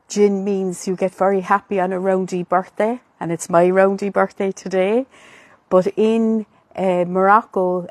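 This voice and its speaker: A woman's voice: lowish voice, a little mellow, no echo. A woman with a Cork Irish accent speaking as a traditional storyteller, in a lilting, lyrical way, as she chats to promote her storytelling. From Ireland. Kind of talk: promotional chat in a storyteller's manner.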